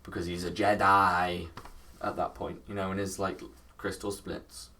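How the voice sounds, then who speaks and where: A man co-hosting a casual podcast chat, excitable and quick to break into silly voice impressions. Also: low voice, distant mic, noisy background. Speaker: podcast co-host.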